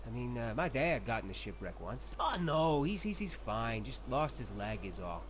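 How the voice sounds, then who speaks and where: An actor voicing a chatty young islander in a video game, a mischievous prankster who rambles and stammers gleefully. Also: male voice, medium pitch, big pitch swings, unhurried, a little hiss or hum. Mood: playful. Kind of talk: game voice acting.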